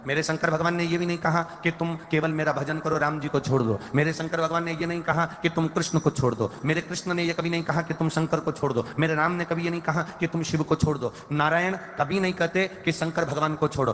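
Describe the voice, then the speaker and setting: Guy preaching a devotional sermon, kinda high voice, long echo in a big hall. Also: a bit bright. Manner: preachy, repetitive lists, rising emphatic lines. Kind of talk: Hindi religious discourse. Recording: reverberant hall with faint ambient noise.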